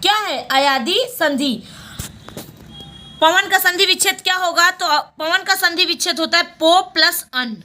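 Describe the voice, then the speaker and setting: Woman, exam-prep teacher, very high-pitched, bright tone, repeats answers call-and-response. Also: measured pace. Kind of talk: exam question walkthrough lesson.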